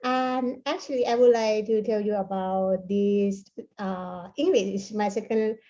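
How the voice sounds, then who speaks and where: A woman with a Thai accent and Thai as her first language gives a conference presentation, speaking haltingly and repeating words. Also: mid-range voice, steady tone, dark tone. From Thailand. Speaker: keynote speaker, university lecturer. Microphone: online conference call. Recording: dull, lo-fi online call audio.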